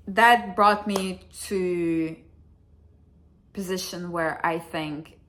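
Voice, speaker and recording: Speaking to camera in a lowish, fairly bright voice, a young woman with a Russian accent chats bluntly in her second language, English, swearing liberally and joking at her own expense. A little hiss or hum is audible.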